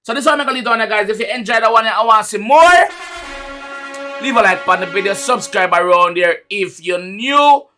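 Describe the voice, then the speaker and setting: A YouTube reaction host with a Jamaican accent comments on music in Patois, casual and emphatic, often repeating his phrases. His voice is high-pitched, bright and pushed, and he talks briskly.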